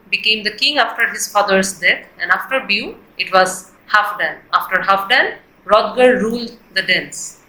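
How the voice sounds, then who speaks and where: A woman giving a scripted, explanatory literature lesson in a deliberate, textbook-like manner. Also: medium pitch, bright, forceful tone. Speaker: literature teacher. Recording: echoey, roomy sound.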